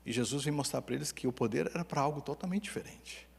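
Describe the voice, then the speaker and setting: Man, Brazilian accent, pastor's sermon, husky voice, hall reverb. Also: mid-range voice, fast talker. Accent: Brazilian Portuguese. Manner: storytelling with humor, lively swings between loud and hushed. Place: church hall.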